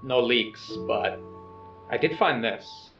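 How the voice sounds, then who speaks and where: A man plays an awkward, earnest person recording a low-key, found-footage video letter to someone who isn't there, speaking haltingly and with soft self-effacement in an expressive, hesitant, subdued way. The playback sounds dull, echoey and distant, with music.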